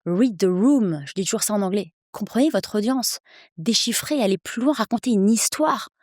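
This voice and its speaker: Appearing as a podcast guest in an interview, a woman in her thirties who works as an English coach speaks persuasively in energetic, quick bursts. Her voice is mid-range, and the recording is dry and studio quality.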